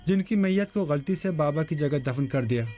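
A man plays a young son in a TV drama, speaking high and brisk. Faint music lies behind him. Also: lively intonation, warm tone, natural voice. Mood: eager. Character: young son, helpful and eager. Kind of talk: dubbed TV drama acting.

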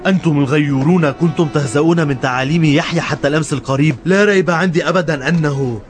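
A man's voice: a little high, very fast, faint music behind, lightly acted. An actor playing an indignant Judean man who rebukes others in a dubbed historical drama. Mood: indignant, scolding.

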